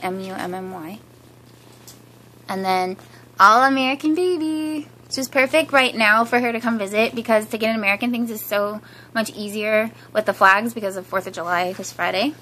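Sitting on her living room floor, a vlogger chats in a casual, upbeat home haul video, giggling often while a handheld camera films her from above. Her voice is medium-pitched, steady and sharp in tone, at a normal speed. The audio is poor, with a little hiss or hum.

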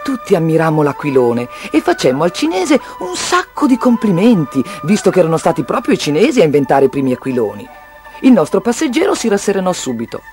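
Very animated children's storyteller over soft music. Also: medium pitch, a little fast. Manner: very lively, sing-song storytelling.

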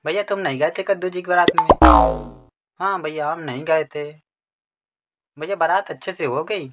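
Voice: mid-range voice, moderate pace, a bit bright. A speaker telling a playful comic story in a sing-song way. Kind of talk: comic storytelling dialogue with music.

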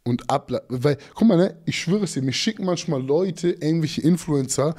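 A man's voice: fairly high pitch, normal speed, darkish tone. A man talking as a coach in a casual monologue, blunt and scornful toward his critics, often tagging lines with "you know?". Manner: blunt, scornful, keeps asking "weißt du?".

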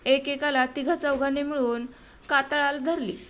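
A woman's voice: sits high, steady tone, normal speed, fairly bright tone. A woman narrating a rural short story as an audiobook, voicing the family quarrel in village dialect.

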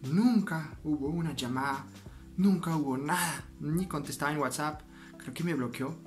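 A French man with a French accent tells a chatty, self-mocking story straight to camera. His voice sits a little high for a man. Soft music plays faintly underneath. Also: moderate pace. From France. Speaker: vlogger.

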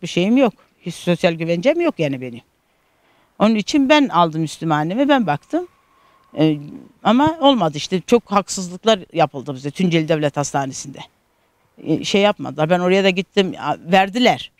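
Speaking to a news interviewer, a middle-aged woman from Turkey who cares for a parent repeats her grievances over and over, quoting what others said to her. Her voice is on the low side, captured with clean studio sound and no echo.

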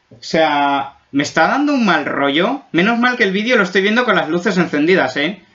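A man's voice: on the high side, pushed and bright. A man from Spain doing a casual video reaction, joking and exaggerating as he gets spooked, on a dull lo-fi recording. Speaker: YouTube reactor.

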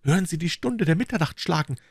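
A man reading aloud and voicing an anxious, secretive young woman, with a raised, light pitch and quick, urgent delivery. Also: lively intonation, gravelly, husky, dry recording, studio quality, exaggerated voice. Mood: pleading. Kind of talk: audiobook reading.

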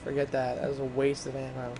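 A man giving casual, rambling gameplay commentary, chatting excitably to his viewers. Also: mid-range voice, fast, background noise.

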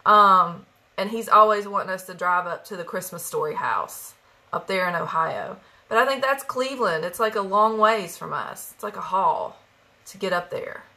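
A West Virginia woman with an Appalachian country accent chats casually with viewers during a live makeup stream, greeting them by name. Her voice is fairly low with a sharp tone, at a normal speed.

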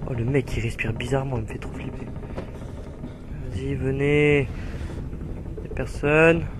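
A young man commentating his horror game play, screaming and swearing in panic, then muttering quietly. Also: mid-range voice, measured pace, noisy background. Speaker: gamer playing horror games.

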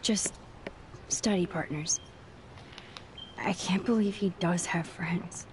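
A woman voicing a quiet, thoughtful teenage student in a video game, speaking softly and hesitantly. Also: on the low side, slow pace. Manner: soft, hushed, hesitant. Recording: game audio under a livestream, with background noise.

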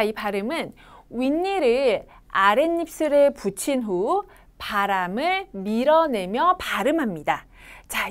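Slow lively woman teaching kids. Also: on the high side. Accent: Korean. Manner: slow, lively, coaching kids to repeat sounds. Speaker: English teacher. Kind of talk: children's pronunciation lesson.

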